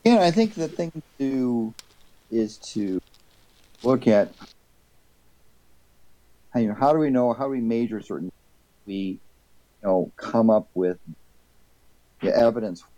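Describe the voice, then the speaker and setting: A man speaking haltingly over an online voice call, his voice cutting in and out on a bad connection, with many restarts and fillers. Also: medium pitch, lively intonation, mellow, no echo, rough recording. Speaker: debate community participant. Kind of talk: casual discussion on a live stream.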